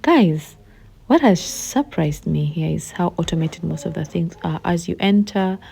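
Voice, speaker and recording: A young woman vlogging casually from inside a car, talking to viewers in a chatty, expressive way. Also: on the low side, unhurried, gravelly. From Uganda. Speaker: travel vlogger. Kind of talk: casual travel vlog.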